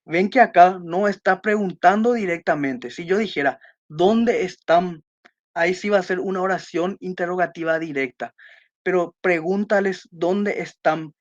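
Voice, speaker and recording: A Spanish teacher giving an online class, explaining accent rules and slowly reading out example sentences, checking in with her students. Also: fairly low pitch, dull audio. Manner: checks in with students by asking questions.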